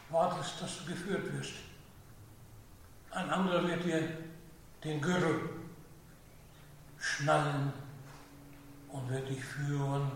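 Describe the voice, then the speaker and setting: A man preaching a sermon in a slow, deliberate way, often repeating his phrases, heard in a large church. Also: a little high, distant mic, slight background noise. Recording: echoey church, voice from afar.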